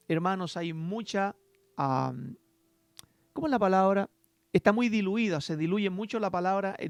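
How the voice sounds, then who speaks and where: A man's voice: high-pitched, dry recording. A man pastor giving a rambling, self-deprecating Bible teaching, often calling out to his listeners as brothers. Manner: rambling, self-deprecating, with frequent "hermanos" asides. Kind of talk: radio-style Bible teaching.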